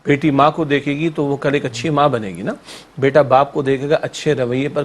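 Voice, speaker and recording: A male Islamic scholar on a religious TV talk show, speaking emphatically and preachily, piling up rhetorical questions and repeated lists. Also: medium pitch.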